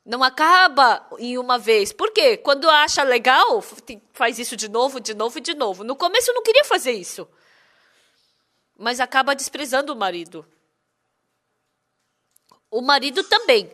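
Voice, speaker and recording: Woman interpreting a sermon, high pitch, lively, keeps asking the crowd questions. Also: moderate pace, long pauses. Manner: lively, asks rhetorical questions.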